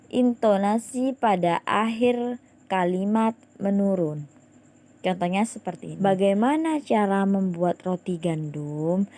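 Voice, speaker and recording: A woman teacher speaks slowly and carefully at a middle pitch. She explains a grammar point to young pupils in an online lesson and reads out example sentences with clear intonation. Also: darkish tone. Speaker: primary school teacher.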